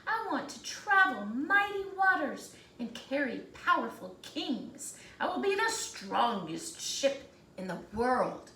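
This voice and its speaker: An excitable little storybook tree played by a woman reading aloud, full of proud dreams of greatness. The voice is high and swoops widely, slightly creaky, in a roomy space with faint noise. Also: slow, exaggerated voice. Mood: eager.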